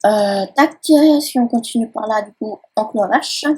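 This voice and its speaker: Breathy young woman rambling through a game tour. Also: medium pitch, a little slow, a little mellow, poor audio. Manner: rambling, hesitant, many fillers. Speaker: gaming channel host. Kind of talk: casual game-tour commentary. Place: at home by a laptop.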